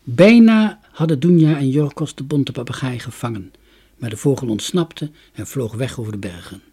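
Expressive male storyteller, husky voice. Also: medium pitch, moderate pace. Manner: expressive, lilting storybook delivery. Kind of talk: children's story reading.

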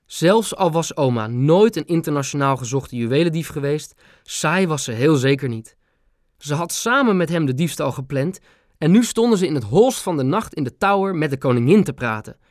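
A man narrating a children's audiobook in an expressive, animated storytelling manner. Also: on the high side, moderate pace, no echo, clean studio sound.

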